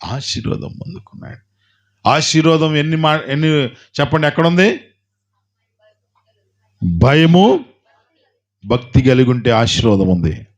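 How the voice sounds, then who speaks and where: A man's voice: a little high, animated, measured pace, long pauses. A man preaching a sermon as pastor, building rhythmic lists of repeated phrases and calling on the congregation to answer him. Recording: dull lo-fi recording.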